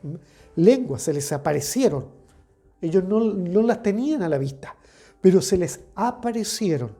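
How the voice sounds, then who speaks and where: A woman delivers a devotional sermon in a fairly low, mellow voice. She explains scripture patiently and draws the listener in with rhetorical questions. She stretches out key words for emphasis. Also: expressive, normal speed, slightly rough, faint music behind. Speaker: preacher.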